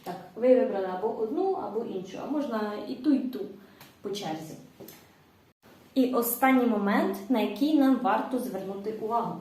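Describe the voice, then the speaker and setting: A woman teacher talks through a lesson with patient explanations, slowing right down on the example phrases. Her voice sits a little high. She sounds set back from the mic in a strongly echoing room. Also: animated, a little mellow, recorded from a distance. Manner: explains slowly, repeats English phrases for practice. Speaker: English teacher. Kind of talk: online language lesson.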